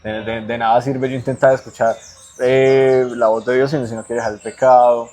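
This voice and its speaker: A man's voice: mid-range voice, level tone, moderate pace, darkish tone. A man as an interview guest, giving earnest spiritual teaching in a conversational way and checking in with rhetorical tag questions.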